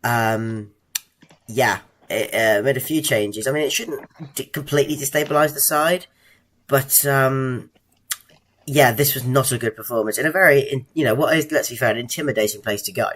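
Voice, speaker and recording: A man co-hosting a casual football podcast, measured and hesitant, with plenty of fillers. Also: mid-range voice, a bit bright. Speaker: podcast co-host.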